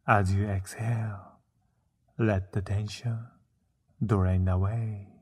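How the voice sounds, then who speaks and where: A man narrating a guided meditation, soothing and unhurried, with frequent pauses between short phrases. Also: on the low side, little pitch movement, slightly rough.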